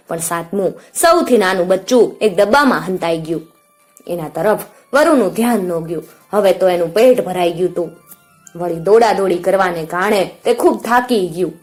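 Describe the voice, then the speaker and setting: A woman storyteller narrating a village folk tale in a calm, expressive storybook manner. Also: medium pitch.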